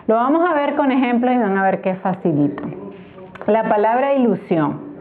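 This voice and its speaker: A woman with a Nicaraguan Spanish accent teaching a grammar lesson, patiently spelling out syllables slowly. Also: a little high, lively intonation. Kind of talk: explaining a grammar tutorial. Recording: tinny phone-like recording.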